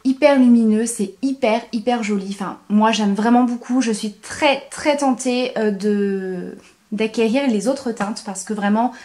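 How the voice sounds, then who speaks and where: A young woman with a slightly high voice walks viewers through her eye makeup step by step. She gets enthusiastic, repeats words for emphasis, and fills pauses with hesitations as she works. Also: darkish tone. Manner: frequent hesitations with "euh". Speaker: beauty vlogger. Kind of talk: makeup tutorial.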